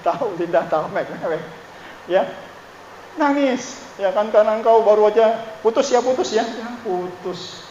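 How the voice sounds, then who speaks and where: A man's voice: high voice, normal speed, darkish tone, slight background noise. A male pastor preaching a sermon in a conversational way, often checking in with the congregation. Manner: conversational preaching, frequent "ya" and "Saudara" asides. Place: church. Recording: dull echoey church hall.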